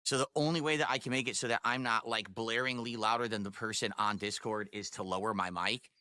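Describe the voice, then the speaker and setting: A man hosting a livestreamed podcast, explaining things to viewers in a deliberate, emphatic way. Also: on the low side, fairly even intonation, sharp tone, no room sound, studio quality. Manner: deliberate, emphatic, checking in with "all right". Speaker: podcast host and streamer.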